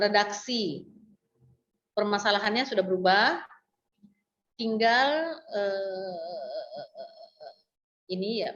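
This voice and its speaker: A woman's voice: medium pitch, roomy sound. Woman instructor on a lo-fi video call. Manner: explains step by step with many fillers and restarts. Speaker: training instructor. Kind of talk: online class instruction.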